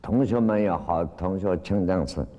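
A man teaching as a Buddhist lecturer, retelling a Zen story with lively acted-out cries and frequent drawn-out fillers. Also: sits low, lo-fi sound. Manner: animated storytelling, acts out quoted cries. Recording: long hall reverb.

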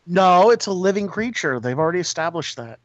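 A man's voice: sits high, animated, fairly quick, no room sound. A man on a podcast panel, jokey and pushing the same gag again and again. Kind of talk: casual panel chat. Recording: dull, dry lo-fi audio.

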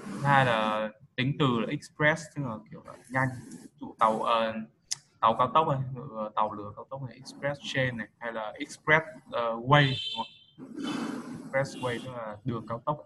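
A man's voice: mid-range voice, normal speed. Male group leader walking through vocabulary, lots of fillers, noisy background. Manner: explanatory, frequent filler hesitations. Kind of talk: explaining English vocabulary. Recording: noisy home recording.

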